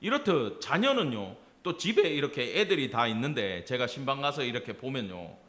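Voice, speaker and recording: A man's voice: mid-range voice, big pitch swings, normal speed, fairly bright tone. A middle-aged man preaching a Wednesday sermon as pastor, acting out family dialogue and asking the congregation questions. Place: church sanctuary.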